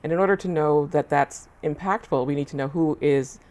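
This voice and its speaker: A woman social services official in a studio panel conversation, explaining in a measured way and repeating key points. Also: low voice, a little mellow. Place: small TV studio.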